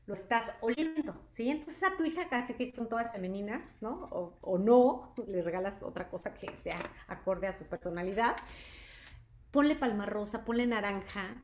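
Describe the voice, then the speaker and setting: A woman hosting a live product presentation, chatty and lively, constantly checking in with her audience. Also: medium pitch, a little hiss or hum. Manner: lively, chatty, asks "¿sí?" often. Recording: echoey room.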